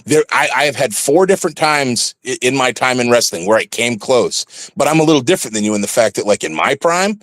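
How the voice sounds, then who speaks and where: Man, former wrestler, blunt profane storyteller, lively pitch, dry close sound. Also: brisk, hardly any pauses, dry recording. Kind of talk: casual podcast chat.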